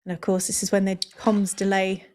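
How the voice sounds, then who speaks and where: Woman hosting a livestream, mid-pitched voice. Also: completely flat delivery, normal speed, darkish tone. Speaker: livestream host. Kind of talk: live commentary, casual chat with viewers.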